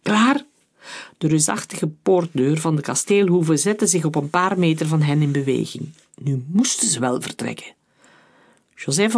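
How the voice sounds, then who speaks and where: A man reading a children's adventure story aloud in a lively, dramatic way. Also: fairly high pitch. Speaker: narrator.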